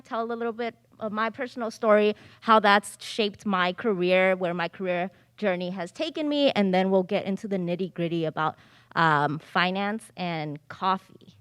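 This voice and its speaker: A woman's voice: medium pitch, normal speed, a bit bright, clear, resonant tone, dry recording, studio quality. A woman in her thirties giving a casual, upbeat panel talk on stage in a library theatre. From Southern California, United States. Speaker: panelist speaking on finance.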